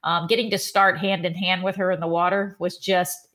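Texan woman, coach guest on a podcast, bright tone, animated storyteller with plenty of "um"s. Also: lowish voice, normal speed. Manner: animated storytelling with many fillers. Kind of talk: casual podcast conversation.

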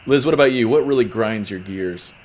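A man's voice: mid-range voice, fairly quick, a little mellow. A man hosting a casual interview, upbeat and jokey, with plenty of fillers. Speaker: podcast host.

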